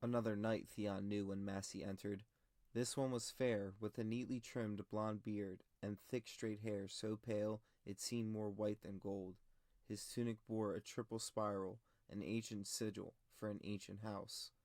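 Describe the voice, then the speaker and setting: A man reading a fantasy audiobook in a steady, measured narrating manner. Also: on the low side, dry recording. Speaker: audiobook reader. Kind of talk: scripted narration.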